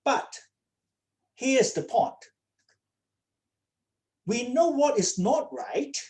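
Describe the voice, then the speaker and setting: Slow-spoken woman lecturing with many "okay?"s. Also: high voice, animated, a little mellow. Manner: checks in with students often, repeating "okay?". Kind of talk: online lecture. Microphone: computer mic on a video call.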